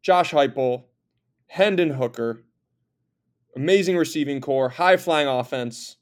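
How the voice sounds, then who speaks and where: Man, podcast host, higher voice, casual sports chat, rambling with fillers. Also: measured pace. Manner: chatty, hesitant with frequent fillers.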